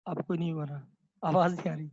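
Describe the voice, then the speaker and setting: A man's voice: on the high side, little pitch movement, gravelly, a little mellow, lo-fi sound, a little hiss or hum. A man teaching an online class, explaining a text patiently, slipping in English words and often checking with his students. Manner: mixes English words into speech.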